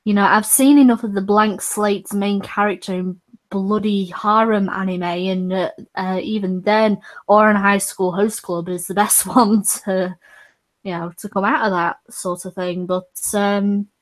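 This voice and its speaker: A woman's voice: mid-range voice, fairly even intonation, a little slow. A woman in her twenties chatting casually on a stream, rambling with frequent laughs. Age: 20s. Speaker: streamer hosting a chat.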